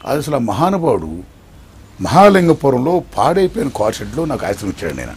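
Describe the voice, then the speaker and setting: Older male interview guest, husky voice, quick animated telling that rises loud and drops to a hush. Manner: swings between loud excited and low hushed tellings. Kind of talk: animated storytelling.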